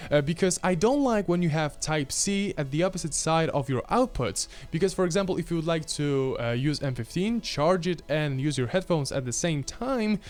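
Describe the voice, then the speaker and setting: This product reviewer, a man in his twenties with a Polish accent, talks casually to camera from a small room, tossing in dry jokes. His fairly high voice has lively intonation at normal speed with few pauses; faint music plays, and a handheld mic is held at chest level.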